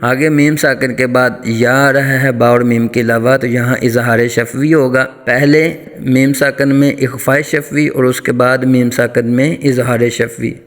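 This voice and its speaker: A man teaching tajweed, explaining rules in quick speech and then chanting verses slowly and melodically. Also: mid-range voice, fairly even intonation. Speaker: Quran recitation teacher. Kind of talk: tajweed lesson with chanted recitation. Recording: long reverb, faint music.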